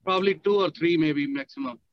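Caller, male, high voice, on a dull, dry car speakerphone, explaining in careful detail. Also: animated, a little fast. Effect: car speakerphone while driving. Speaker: caller asking a question. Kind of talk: casual question on a call.

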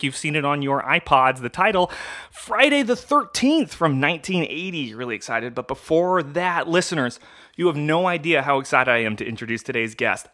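A man hosting a podcast, chatting in an excitable, easygoing way and laughing easily. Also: on the high side. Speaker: podcast host. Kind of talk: casual chat.

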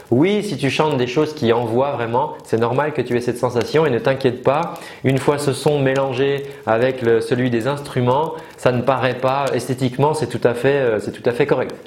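A man's voice: medium pitch, darkish tone. A man teaching singing in a casual online lesson, explaining with many fillers and demonstrating sung notes. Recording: roomy echo.

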